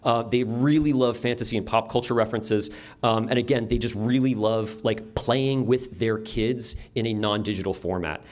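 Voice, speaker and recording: A man's voice: mid-range voice, moderate pace. A young man from upstate New York, a map store owner giving a casual, wry conference talk to a room, with many ums and restarts. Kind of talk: conference presentation. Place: conference room before an audience.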